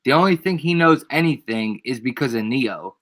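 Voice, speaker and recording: A man's medium-pitched voice, recorded close with no room sound. He talks as a stream host in casual slang, often doubling up short phrases. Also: lively intonation, moderate pace, a bit bright, no room sound. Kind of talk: casual chat.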